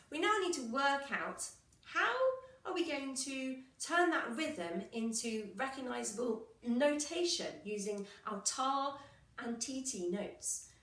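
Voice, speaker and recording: Slow, encouraging woman music teacher. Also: a little high, a bit bright, roomy sound. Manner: patient, encouraging, counts aloud and sings examples. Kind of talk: recorded school music lesson.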